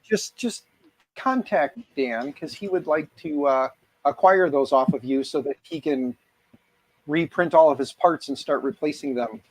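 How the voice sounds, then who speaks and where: A man's voice: fairly high pitch, unhurried. A man hosting a casual live stream chat, talking in a loose, meandering way. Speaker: host.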